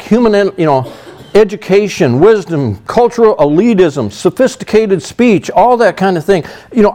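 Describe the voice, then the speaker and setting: A middle-aged pastor with a high-sitting, darkish voice teaches a sermon through a Bible passage. His style is conversational, and he leans on "you know" as he explains.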